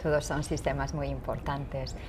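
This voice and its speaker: Woman interviewer, low-pitched, measured scripted delivery, light noise floor. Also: level tone. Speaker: interviewer and mission engineer. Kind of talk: hosted interview.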